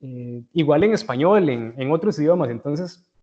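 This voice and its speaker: A man's voice: on the high side, expressive, moderate pace, mellow, lo-fi sound. A man with a Costa Rican accent giving a university tutoring lecture, chatty and conversational, often checking in with his students. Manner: conversational, frequent "¿verdad?" check-ins and restarts.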